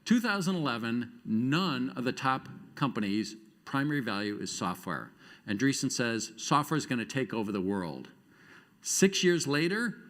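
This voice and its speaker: Animated man giving a conference talk. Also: medium pitch. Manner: animated, self-deprecating storytelling with wry asides. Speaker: conference speaker. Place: conference stage before an audience.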